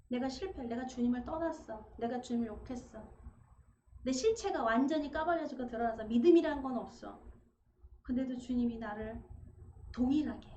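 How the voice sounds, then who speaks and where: A woman preaching a sermon, telling family stories with lively acted-out dialogue. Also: on the high side, roomy sound, lo-fi sound, slight background noise. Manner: animated storytelling, acting out family dialogue. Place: church sanctuary.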